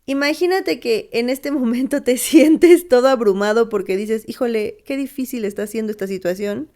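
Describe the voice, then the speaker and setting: A woman's voice: fairly high pitch, normal speed, mellow. Upbeat woman podcast co-host. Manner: upbeat, laughs often between phrases. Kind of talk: casual podcast chat.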